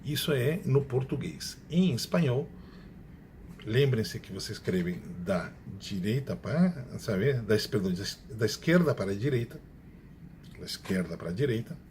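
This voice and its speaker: A man's voice: mid-range voice, lively intonation, a little mellow, slight background noise. Man teaching grammar. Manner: explanatory, repeats examples slowly, self-corrects. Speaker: Spanish teacher. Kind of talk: classroom grammar lecture.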